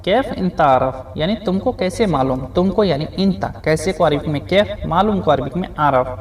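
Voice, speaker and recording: With a fairly high pitch, lively intonation and moderate pace, a male Arabic teacher runs a beginner lesson. Each phrase gets said, repeated and unpacked word by word, and he keeps addressing viewers as friends with frequent "okay"s.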